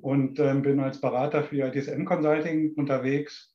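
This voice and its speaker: A man's voice: mid-range voice, little pitch movement, normal speed. A man from Berlin introducing himself as a consultant with dry humor. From Berlin, Germany. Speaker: consultant, panelist. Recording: roomy, dull, distant call audio.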